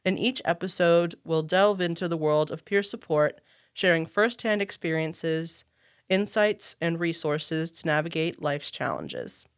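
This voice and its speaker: A woman in her twenties hosting a podcast, reading a measured, scripted introduction. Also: fairly low pitch. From Maine, US. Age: 20s. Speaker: podcast host and program manager.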